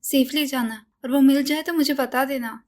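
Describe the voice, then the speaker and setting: A woman voicing a kind, supportive young woman who gently teases her friend. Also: sits high, fairly even intonation, moderate pace, lightly acted. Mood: gentle.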